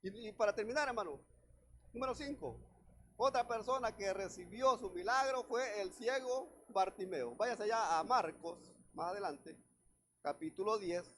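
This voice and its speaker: A man preaching a sermon with a very high voice. He reads scripture aloud, explains it, and keeps calling out to the congregation. There is faint noise in the background. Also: normal speed, fairly bright tone. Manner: preaches directly to the congregation, often calling out "hermano". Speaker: pastor.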